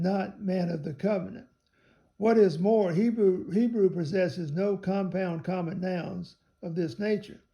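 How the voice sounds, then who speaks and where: A man with a high, gravelly voice reads a book aloud in a measured, careful way. He spells out some words letter by letter as he goes. His tone is dark and mellow. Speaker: reader of a theology text.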